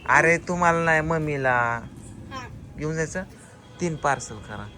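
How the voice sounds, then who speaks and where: A man's voice: fairly high pitch, moderate pace, bright, forceful tone, soft background music. A man running a family food challenge outdoors, hurrying the eaters along and teasing them as he counts the scores. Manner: urges and teases, counts out scores. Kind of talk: casual excited commentary.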